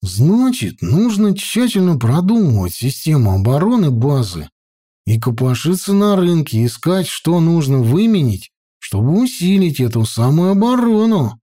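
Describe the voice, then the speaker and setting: A man's voice: on the high side, expressive, a little slow, warm tone. A man voicing a grumbling, thoughtful young comrade who drawls his musings.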